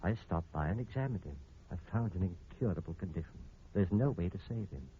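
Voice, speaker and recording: A man's voice: low voice, animated, brisk, narrow, tinny audio, slight background noise. An actor playing a cold, scheming male surgeon in a 1940s radio drama, heard over an old AM radio broadcast.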